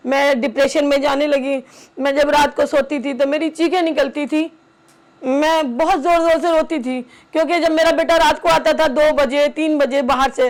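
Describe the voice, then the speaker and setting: A middle-aged woman speaking haltingly, with many pauses, about her family as a mother. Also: high voice. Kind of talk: emotional personal testimony.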